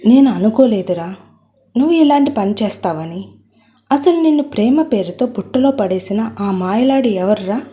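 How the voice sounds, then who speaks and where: A woman's voice: medium pitch, animated, moderate pace, long pauses, warm tone, close to an everyday voice. Lady doing a fierce-tempered mom, blunt, won't budge. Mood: angry. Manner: firm, blunt. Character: domineering middle-aged mother with a fierce temper.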